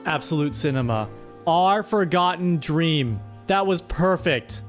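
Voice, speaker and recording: A woman with a low voice and lively intonation speaks at a measured pace while hosting a casual livestream with music in the background. She reads out a story and comments on it, playful and mock-dramatic.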